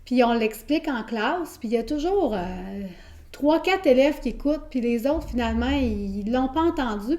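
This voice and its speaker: A woman's voice: on the high side, a little mellow. A woman teacher with a Québécois accent, explaining her teaching method in an interview, patient and explanatory with frequent hesitations. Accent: Québécois French. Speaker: elementary school teacher.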